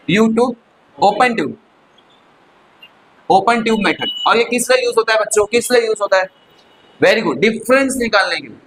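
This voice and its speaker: A male physics teacher lectures a classroom, constantly asking the students questions, answering them himself, and mixing English terms into his explanation. His high voice has a fairly bright tone on a rough recording with some hiss or hum.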